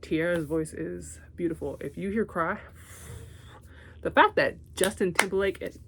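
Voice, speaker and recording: Chatty Southern woman vlogging, slightly low. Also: measured pace, gravelly, noisy background. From Texas, United States. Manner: chatty and animated, with asides and laughs. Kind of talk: casual chat to camera.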